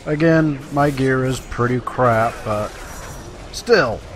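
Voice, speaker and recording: A let's play host offers casual, wry, self-deprecating commentary on his gameplay, speaking slowly at a medium pitch. The recording is clearly noisy, with video game battle sounds running behind his voice.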